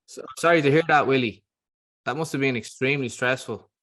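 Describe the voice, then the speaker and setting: A man's voice: mid-range voice, a little fast, fairly bright tone. A man hosting a video-call interview, chatting in a friendly, rambling way with frequent restarts. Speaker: host. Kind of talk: casual interview chat.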